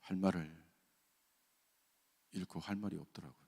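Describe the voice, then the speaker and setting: Gravelly man preaching in a reverberant church. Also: low voice, steady tone, normal speed, darkish tone. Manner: storytelling, self-deprecating, asks rhetorical questions. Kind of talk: dawn service sermon with personal testimony. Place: church sanctuary. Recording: long reverb of a church hall.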